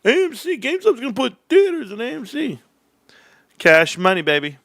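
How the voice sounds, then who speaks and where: A man in his forties hosting a casual stock livestream, calling his viewers "bros" and "guys". He jumps into high, hyped bursts, then drops to low muttering. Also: wildly swooping pitch, moderate pace, vocal fry, a bit bright, no echo, clean studio sound. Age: 40s.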